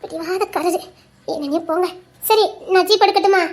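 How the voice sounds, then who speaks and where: Woman playing a high, fretting young policewoman. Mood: protesting. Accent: Tirunelveli Tamil. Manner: quick, pleading, protesting. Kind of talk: comedy skit acting.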